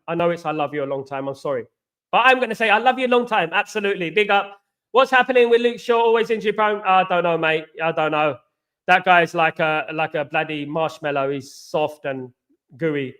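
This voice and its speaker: The livestream host, a man from England, talks a little fast in a high, somewhat bright voice that's clear and resonant. Chatty and relaxed, he reads out comments from viewers, welcomes them by name and keeps repeating "big up" and "absolutely."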